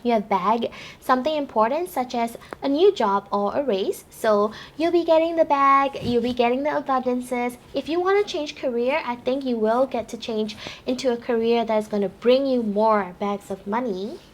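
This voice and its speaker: A woman's voice: fairly high pitch, moderate pace, a little hiss or hum. A bubbly young woman giving a chatty pick-a-card tarot reading, laughing often. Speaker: tarot reader.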